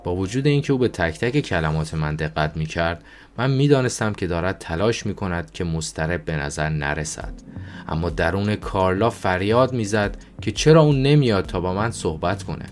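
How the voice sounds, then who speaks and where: A man narrating an audiobook in a calm, even reading voice. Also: low voice, a little hiss or hum.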